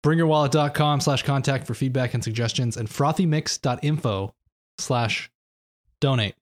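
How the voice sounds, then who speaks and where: A man's voice: mid-range voice, normal speed. A man hosting a podcast in casual chat, laid-back and self-mocking. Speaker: podcast host.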